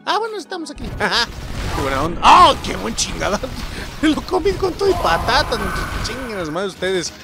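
Young man, Mexican accent, high lively voice, rowdy let's play commentary, loud game music behind. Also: moderate pace, vocal fry. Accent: Mexican Spanish. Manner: excitable, swears and shouts at the game. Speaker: gaming streamer.

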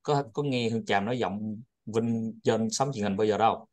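A man's voice: lowish voice, moderate pace, a little mellow. A man hosting a study group, chatting casually and rambling, often repeating his words.

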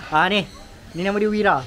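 Excitable high-voiced Malaysian man vlogging. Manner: chatty, excitable, keeps addressing viewers as guys. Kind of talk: casual walking tour vlog. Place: outdoor theme park petting zoo.

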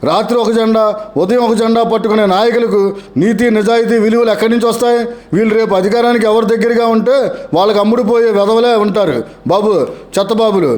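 A man's voice: sits high, steady tone, quick pace, darkish tone. A man narrating scripted political commentary in a sarcastic, mocking tone, repeating taunts.

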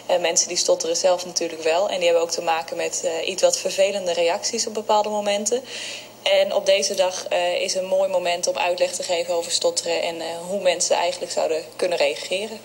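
A woman speech therapist answering radio interview questions, explaining calmly with frequent filler hesitations. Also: lowish voice, brisk, slight background noise. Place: café.

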